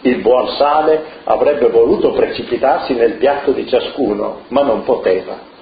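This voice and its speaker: A man reading a children's story aloud to a group in a lively storytelling manner. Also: medium pitch, moderate pace. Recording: echoey room, muffled, faint noise.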